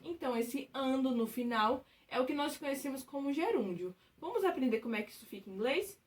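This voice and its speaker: A woman's voice: high voice, lively intonation, a little fast, distant mic. A woman teaching a recorded grammar lesson, explaining step by step and checking in with the listener often. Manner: patient, step-by-step explaining with frequent check-ins. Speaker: English teacher.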